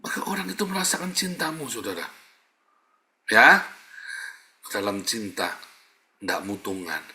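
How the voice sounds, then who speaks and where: A male pastor preaching a sermon with a slight tinge, blunt and colloquial, swinging between loud outbursts and soft asides. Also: lowish voice, animated, a little slow, long pauses.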